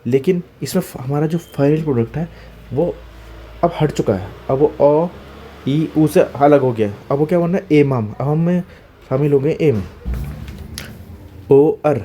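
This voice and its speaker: A man's voice: a little high, unhurried, long pauses, warm tone, a little hiss or hum. A male teacher giving an exam-prep grammar lecture, spelling out sounds one by one and asking questions that he answers himself. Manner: checks in with "okay?" after each point.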